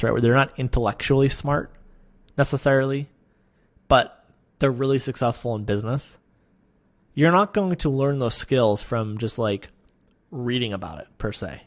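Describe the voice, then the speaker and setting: A man hosting a podcast, chatting casually and animatedly, swearing freely and acting out people he quotes. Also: mid-range voice. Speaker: podcast host.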